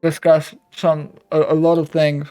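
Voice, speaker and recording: A man's voice: on the high side, monotone, a little slow, mellow, smooth, faint music behind. A man in his twenties voicing his character in a tabletop game, often stammering and exasperated. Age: 20s. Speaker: player. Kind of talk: casual in-character play.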